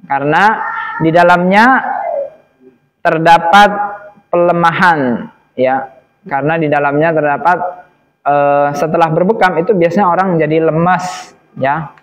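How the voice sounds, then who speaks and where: Guy giving a sermon, kinda high voice, lots of hall reverb, repeats himself to explain. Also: steady tone, measured pace, pauses often. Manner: explanatory, repeats points, quotes Arabic hadith. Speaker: Islamic preacher.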